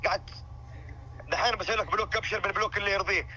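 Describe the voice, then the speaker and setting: A man's voice: sits high, fairly even intonation, rapid-fire, bright, forceful tone, slightly rough, rough recording. A man with a Saudi Arabic accent bantering casually in an exasperated, questioning way.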